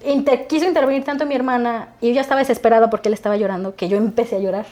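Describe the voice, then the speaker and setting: A woman, a guest telling stories about her son in a casual conversation, acting out the dialogue as she goes. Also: a little high. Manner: fast animated storytelling, acting out dialogue.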